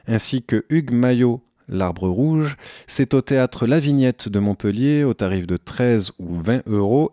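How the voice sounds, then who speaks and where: Reading through an events agenda on local radio, a male host stays relaxed, often using fillers and correcting himself slightly. His mid-range voice is captured in studio quality with no audible room.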